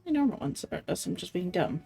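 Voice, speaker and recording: A woman's voice: lowish voice, big pitch swings, fast talker, creaky, mellow, breathy edge, soft background music. A woman streaming games, chatting casually, laughing often and swearing freely. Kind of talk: casual game-stream chat.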